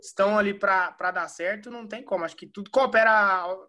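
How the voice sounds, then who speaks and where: A man's voice: sits high, fairly quick, bright, forceful tone. A Brazilian man hosting a casual football discussion, analysing a match and passing questions to co-hosts. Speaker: football podcast host.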